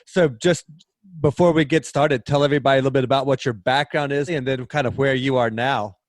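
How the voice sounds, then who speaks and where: A man hosting a podcast, reading a scripted intro and then chatting with his guest, measured at first and then hesitant with fillers. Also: medium pitch, fairly even intonation, no room sound, studio quality. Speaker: podcast host. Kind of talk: scripted intro narration and casual interview.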